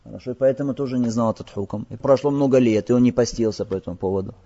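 In a lo-fi recording echoing with long hall reverb, an Islamic teacher explains religious rulings, asking rhetorical questions and frequently adding "all right?". His voice is mid-range and dark, and he talks rapid-fire.

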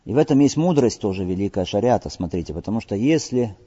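A man's voice: fairly low pitch, animated, quick pace, warm tone, slightly rough. A man giving a religious lesson, explaining rulings and posing rhetorical questions to his listeners. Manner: explanatory, asks rhetorical questions, often checks with "all right?". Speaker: Islamic teacher. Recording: lo-fi recording with long hall reverb.

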